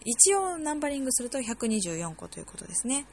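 A woman's voice: sits high, sing-song, fast talker, darkish tone, slight background noise. A woman hosting a casual solo podcast, rambling with many fillers and self-corrections. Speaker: podcast host.

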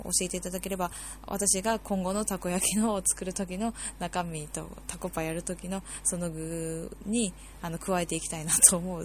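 A woman's voice: mid-range voice, gravelly, slight background noise. A woman hosting a casual solo podcast, rambling with many fillers and self-corrections. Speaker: podcast host.

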